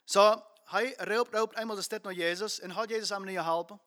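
A man's voice: high voice, fairly even intonation, brisk, a bit bright. A man preaching a sermon, telling a story earnestly and with emphasis, with frequent fillers as he goes.

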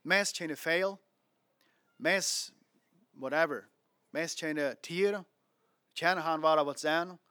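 A man's voice: on the high side, slow, long pauses, pushed and bright, no room sound, studio quality. A man preaching a sermon, emphatic, repeating phrases and asking rhetorical questions.

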